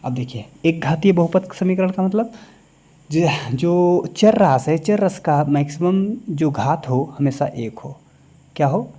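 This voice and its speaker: A man with a very dark, mellow voice teaches a maths lecture. He sits a little high in pitch for a man and keeps pausing to quiz his class with short check questions. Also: animated.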